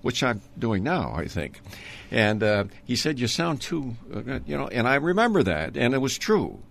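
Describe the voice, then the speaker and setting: A man's voice: mid-range voice, huge pitch swings, normal speed, gravelly, fairly bright tone. An older man from Minnesota, a retired radio announcer, reminiscing in a rambling way with many ums and uhs and chuckles. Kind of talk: reminiscing interview talk.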